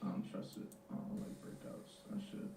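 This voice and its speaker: A man's voice: brisk, echoey room, distant mic, over loud music. A man hosting a live stream as a day trader, chatting casually and swearing freely. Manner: laid-back, swears freely. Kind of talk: casual chat over live trading.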